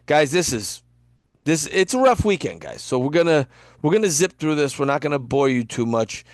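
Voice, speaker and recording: A man's voice: a little high, big pitch swings, moderate pace, no echo, clean studio sound. A man co-hosting a podcast, rambling and laughing through casual boxing talk. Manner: laughing, rambling, stop-start. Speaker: podcast co-host.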